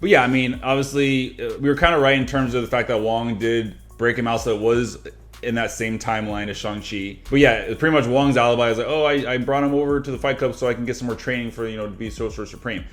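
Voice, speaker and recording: A man co-hosting a reaction chat, talking quickly and casually, swearing now and then and slipping into quick impressions of characters. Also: mid-range voice, soft background music. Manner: fast, animated, swears casually, mimics characters' lines. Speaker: reaction channel co-host.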